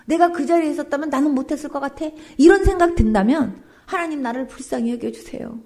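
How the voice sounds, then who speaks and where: Fervent high-voiced woman preacher. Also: expressive, fast. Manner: fervent and exclamatory, drops to hushed whispers for appeals. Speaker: pastor. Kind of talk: emotional testimony sermon.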